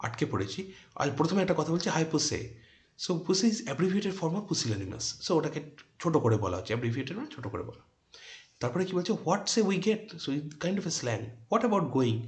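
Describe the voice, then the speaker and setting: Guy reading a play for a lit class, slightly high voice, lots of room echo. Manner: reads English lines slowly, explains quickly in Bengali. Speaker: literature teacher. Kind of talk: reading a play aloud and explaining it.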